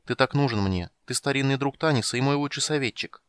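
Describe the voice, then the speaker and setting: A man reading the part of a kind young elf woman who speaks gently and reassuringly. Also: mid-range voice, fast, smooth, dry recording, voice pushed up, lightly acted.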